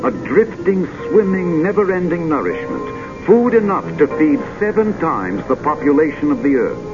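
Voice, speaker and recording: A man narrating in a grand, dramatic, measured old sci-fi announcer manner, like a vintage futurist documentary, with drawn-out poetic phrasing. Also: fairly high pitch, sing-song. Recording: dull vintage film soundtrack with music.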